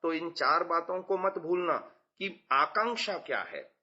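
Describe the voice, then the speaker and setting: A man's voice: on the high side, expressive, measured pace, pushed and bright, highs cut off. A middle-aged man giving a patient religious lesson, explaining a scripture through everyday examples in an audiobook commentary.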